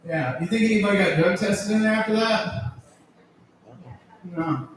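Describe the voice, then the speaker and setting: A man's voice: high-pitched, moderate pace. Guy doing a raunchy stand-up set, laughs at his own bits, handheld mic, echoey club, faint background hum. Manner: crude, profanity-heavy, chuckles at his own jokes. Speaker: stand-up comedian. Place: comedy club stage with audience. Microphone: handheld stage mic. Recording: echoey room, mic picked up from a distance.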